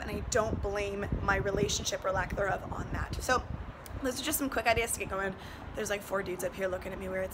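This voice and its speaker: A woman giving earnest, emphatic relationship advice straight to her viewers, filming herself selfie-style on a boat. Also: on the high side. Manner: earnest, emphatic, asking rhetorical questions. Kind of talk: direct-to-viewer motivational vlog talk. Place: outdoors on a boat. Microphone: handheld selfie camera at arm's length. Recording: noisy outdoor selfie recording on a boat.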